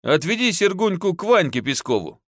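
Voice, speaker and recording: Gruff peasant husband in a storybook, voiced by a man, blunt and mocking, lively delivery. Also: high-pitched, normal speed, no echo, clean studio sound, pitched above the performer's own voice, heavily acted. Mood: commanding.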